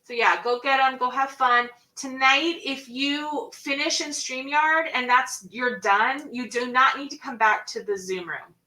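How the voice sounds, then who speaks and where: A woman's voice: sits high, steady tone, a little slow, few pauses, sharp tone. Woman, encouraging theatre director, video call, distant from mic. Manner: chatty and encouraging, sings snippets. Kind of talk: casual pre-show pep talk on a video call. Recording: echoey room, distant from mic.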